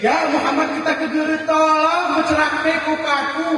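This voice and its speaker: Male preacher doing a loving wife voice in a sermon, high and pleading, Gayo accent, long hall reverb. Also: little pitch movement, moderate pace, sharp tone, slight background noise. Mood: tender pleading. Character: gentle devoted wife pleading tenderly. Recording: echoey hall, distant mic.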